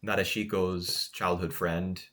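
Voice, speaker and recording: A man co-hosting a podcast, chatting casually about anime, relaxed and quick to laugh. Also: low-pitched. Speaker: podcast co-host. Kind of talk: casual chat reviewing anime.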